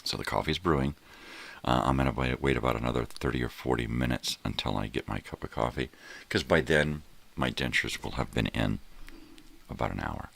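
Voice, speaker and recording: Very deep, gravelly man, rambling casually. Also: a little fast, a bit bright. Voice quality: gravelly, raspy. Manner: laid-back, talking to himself, repeating phrases. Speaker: morning live stream host. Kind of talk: casual rambling vlog chat.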